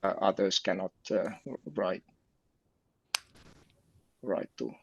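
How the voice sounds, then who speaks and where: Man, glitchy choppy call audio, halting technical talk, dry close sound, muffled lo-fi line. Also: low voice, fairly even intonation, husky, no room sound. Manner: halting, repeats words while thinking. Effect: choppy, glitchy call audio breaking up. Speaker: meeting participant. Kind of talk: technical discussion on a video call. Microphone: video call. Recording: dull lo-fi video call audio.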